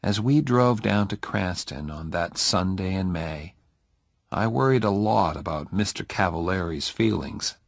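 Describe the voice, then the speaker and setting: A man narrating an audiobook story in a slow, steady, deliberate reading. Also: sits low, gravelly, dry recording, studio quality.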